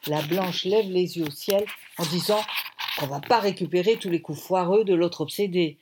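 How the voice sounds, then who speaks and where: A woman narrating an audiobook in a lively, wry way. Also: lowish voice, normal speed, background noise.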